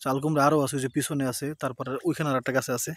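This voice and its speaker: A man chatting quickly to camera in a village garden, often giving thanks to God as he shows his crops. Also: medium pitch, flat delivery, a crowd in the background. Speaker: village life vlogger. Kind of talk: casual vlog chat to camera.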